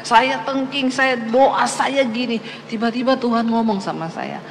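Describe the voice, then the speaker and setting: A woman pastor in her fifties giving a testimony sermon, telling her story in a lively way and speaking straight to her listeners. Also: fairly high pitch, a little slow, a little hiss or hum. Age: 50s. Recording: echoey hall with faint ambience.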